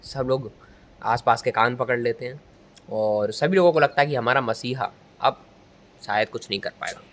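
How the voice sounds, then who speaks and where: A young vlogger and amateur film critic tells a comic, casual movie review in mock-formal storytelling fashion, captured on a phone amid the noise of a railway station outdoors at night. He speaks at medium pitch and a moderate pace, with a slightly bright tone.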